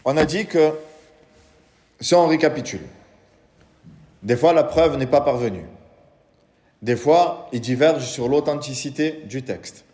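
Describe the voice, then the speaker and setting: Before a live audience, an imam gives a religious lecture, patiently explaining, asking questions of those present, and reciting Quranic Arabic. His mid-range voice is a little mellow, unhurried, and marked by frequent pauses. The recording has a reverberant hall sound.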